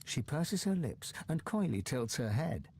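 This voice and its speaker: Theatrical fantasy narrator, expressive pitch. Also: male voice, unhurried, gravelly, slight background noise, full character voice. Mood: dramatic. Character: dramatic male storyteller narrator of a fantasy tale. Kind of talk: scripted fantasy game narration.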